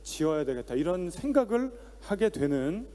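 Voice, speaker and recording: A man in his forties preaching a Sunday sermon as pastor, animated and acting out pleading voices with rhetorical questions. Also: high voice, moderate pace. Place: church sanctuary. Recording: long hall reverb.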